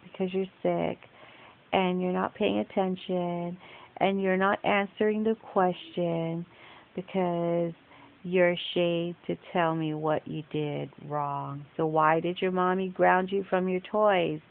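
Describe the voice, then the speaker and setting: A woman's voice: fairly low pitch, steady tone, takes it slowly, gravelly. Firm woman questioning, tinny phone clip. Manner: firm, patient, repeatedly questioning. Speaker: relative questioning a child on video. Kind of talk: home video chat. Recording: tinny lo-fi phone recording with hiss.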